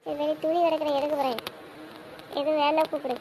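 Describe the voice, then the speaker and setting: A woman with a high voice plays a bossy older sister. She talks fast and teases. Faint background noise is heard under her. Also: little pitch movement, dark tone, rough recording. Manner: quick, teasing, bossy older-sister banter. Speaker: elder sister. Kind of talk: amateur web drama acting.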